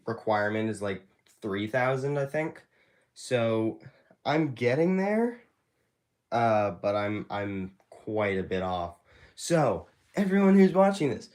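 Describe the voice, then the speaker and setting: A young man hosting a casual live stream Q&A, sounding stuffy from allergies and talking in a rambling, hesitant way with many fillers. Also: lowish voice. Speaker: YouTube creator hosting a live Q&A. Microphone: handheld phone camera.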